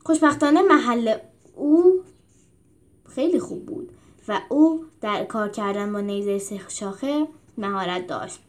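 Woman, storyteller, storybook reading, steady narration, fairly high voice. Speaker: storyteller and host.

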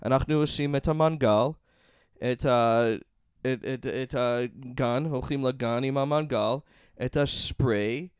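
A man's voice: medium pitch, clean tone, no room sound, studio quality. A man in his chats casually, searching for words and often repeating himself as he goes. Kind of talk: casual conversation.

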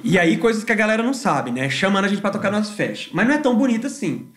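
A man, a band musician telling stories on a casual podcast in an animated, slangy way. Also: high voice, racing. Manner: animated, slangy, swears freely.

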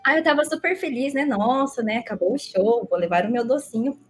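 A woman's voice: a little high, a little fast, husky, faint music behind. A young woman from Brazil with a Brazilian Portuguese accent, telling stories casually in a rambling, playful, giggly way. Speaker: livestream guest storyteller. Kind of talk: casual storytelling chat.

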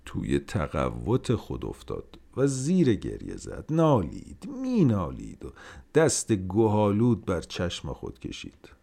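Brief: male podcast storyteller, low register, very animated reading of literary prose. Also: vocal fry, slightly rough. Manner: expressive, dramatic pacing.

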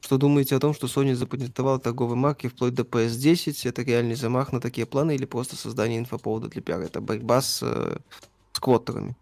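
A man's voice: medium pitch, steady tone, fast talker, creaky, a little mellow, no room sound. A man in his thirties co-hosting a casual gaming stream, reading viewer questions aloud and answering them offhand. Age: 30s.

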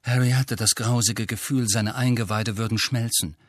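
Male audiobook narrator, unhurried and measured, dry booth sound. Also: mid-range voice, fairly even intonation, no room sound. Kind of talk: scripted narration.

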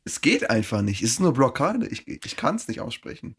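A young man in casual chat, reading out facts haltingly and laughing. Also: medium pitch, very animated, breathy edge.

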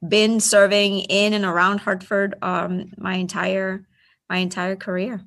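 A woman from Puerto Rico who works as a school superintendent tells stories in a casual, chatty interview. Her mid-range voice stays level and moves a little slowly, and her storytelling is warm and full of fillers.

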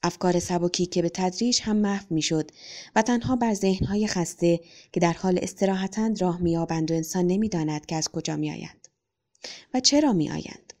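Woman audiobook narrator, calm even delivery, mellow dark voice. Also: on the low side.

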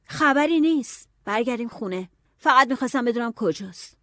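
A woman voicing a worried, cautious teenage boy who talks in a hushed, uneasy way in an audiobook. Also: a little high, lively intonation, dry recording.

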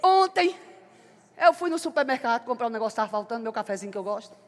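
A high-pitched woman preaches in a church, her voice carrying a long hall reverb. She moves between loud, fervent exclamations and quiet, intimate storytelling as she shares testimony. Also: animated, fast. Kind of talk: sermon with personal testimony.

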